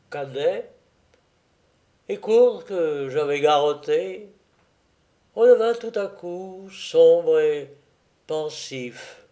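A man narrating a first-person memoir in an audiobook reading, slow and deliberate with an occasional filler. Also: on the high side, dark tone.

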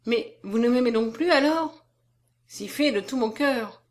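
An earnest, easily flustered young woman, voiced by a woman reading a novel. Her lines run a little higher and more anxious than the narration. It is a storybook part. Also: measured pace, a little mellow, lightly acted. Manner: raised, anxious, indignant. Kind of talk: audiobook character voice.

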